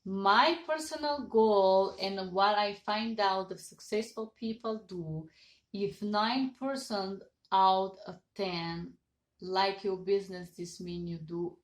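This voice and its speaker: A woman in her thirties with a Bulgarian accent earnestly gives business advice to a webcam at her desk, stressing each numbered point. Her mid-range voice moves slowly, and her home office, with certificates on the wall, sounds echoey.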